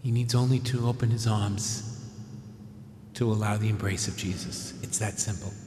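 A man preaching a sermon in a measured, gentle way, slowing for emphasis. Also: on the low side, steady tone, background noise. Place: church. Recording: echoey hall with long reverb.

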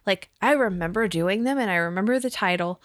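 A woman in her thirties co-hosting a casual podcast, playful and animated, acting out little quoted bits as she talks. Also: mid-range voice, a little fast, no echo, clean studio sound. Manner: animated, playful storyteller who acts out quotes. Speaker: podcast co-host. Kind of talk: casual chat.

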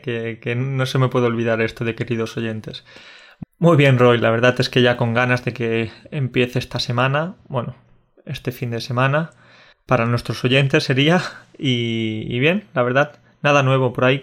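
A man's voice: medium pitch, steady tone, normal speed, fairly bright tone. A man from Spain with a Spanish accent, co-hosting a casual podcast for Spanish learners, joking and laughing a lot and checking in with "¿sí?". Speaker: podcast co-host and Spanish teacher.

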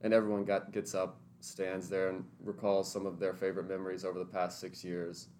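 Young guy from tennessee, real low voice, earnest interview answers, bit of hiss behind. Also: completely flat delivery, fairly quick, darkish tone. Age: 20s. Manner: earnest, thoughtful, some restarts. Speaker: interview guest, teaching intern.

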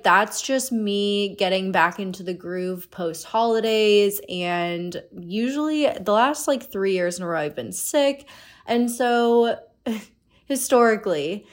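A woman in her late twenties talks casually as a podcast host. She sounds a little sick and stuffed up in the nose. Her pitch is average for a woman, and her phrasing is informal and chatty, sprinkled with "like". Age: late 20s. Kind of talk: casual solo podcast talk.

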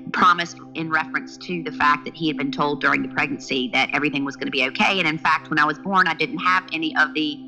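Bright-voiced woman in her fifties telling her story. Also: low-pitched, poor audio. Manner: lively, earnest, with laughs and restarts. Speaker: podcast guest. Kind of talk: personal storytelling in interview.

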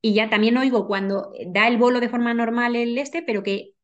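A woman's voice: fairly high pitch, steady tone, normal speed, dull audio. A woman telling a personal story as a podcast guest, earnest, with many restarts and repetitions.

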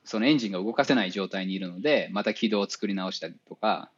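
A man, an engineer guest in a casual interview, explaining things step by step with many fillers and pauses. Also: lowish voice, slightly rough. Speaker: spacecraft navigation engineer. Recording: dull lo-fi audio.

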